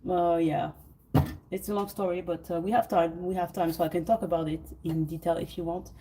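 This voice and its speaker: A French woman with a French accent hosts a casual livestream chat with viewers from an indoor hotel suite, sounding sleepy as she rambles hesitantly with many fillers and restarts. Her voice is lowish, brisk, and dark-toned with little pitch movement. The recording is low-quality with a little hiss or hum.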